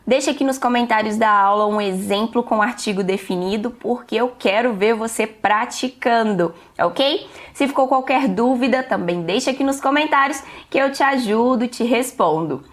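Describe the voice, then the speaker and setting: A woman with a Brazilian accent giving an online English lesson, patient and reassuring, slowing down to spell out examples. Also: fairly high pitch, a bit bright. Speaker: English teacher.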